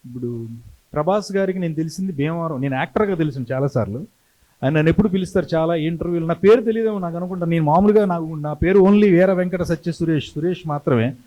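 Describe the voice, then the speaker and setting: A middle-aged man tells stories to his hometown crowd in a slightly raised voice. He talks with lively energy and slips into the voices of the people he quotes. His tone is that of a practiced TV anchor. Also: a little high, quick pace, dull audio. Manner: animated, acts out quoted voices. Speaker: TV anchor and creative director telling stories. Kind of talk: storytelling speech to a hometown audience.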